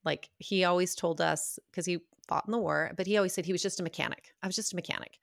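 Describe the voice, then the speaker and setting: Low-voiced woman host, dry sound. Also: fairly even intonation, fast talker, gravelly, dry recording. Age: 40s. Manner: warm, reflective, asks open questions. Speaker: podcast host. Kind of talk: casual interview conversation.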